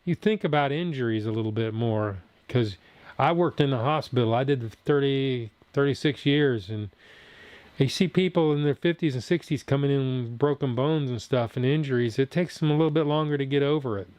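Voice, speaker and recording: This chatty sixty-something from Southern Ohio rambles through his food channel's live stream, reading viewer comments aloud and replying as he goes. He speaks at a medium pitch, a little fast, with a slightly mellow, clear, resonant tone in a dry recording.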